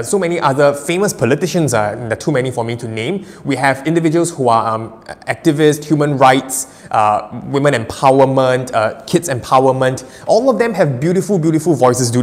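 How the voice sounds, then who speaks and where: A man, coaching public speaking in a live Q and A. He talks in an energetic, emphatic way at a medium pitch and laughs now and then. His voice rings with a long hall reverb. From Singapore. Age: 30s.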